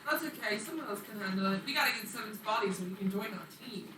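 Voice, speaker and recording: A woman's voice: mid-range voice, animated, fast talker. A woman playing a tabletop game and chatting casually, bossy, blunt and sarcastic, with plenty of swearing. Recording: echoey room, distant mic, noisy background.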